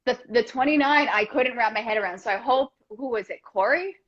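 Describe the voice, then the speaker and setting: A woman in her thirties chats as a guest over a video call, effusive and gushing as the words tumble out in rushes. Her voice sits a bit high, and the call audio comes through dull and lo-fi. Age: 30s. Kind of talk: casual video chat.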